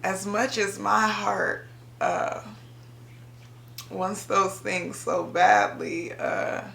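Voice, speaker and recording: A woman from Ohio talks to her vlog audience about faith, unhurried and halting, often pausing to gather herself near tears. Her voice has a gravelly fry under a bright, forward tone. The room around her is roomy and echoing, with a faint hiss behind. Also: mid-range voice, steady tone. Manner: slow, halting, many pauses and fillers, soft. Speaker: vlogger. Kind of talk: reflective faith talk to camera.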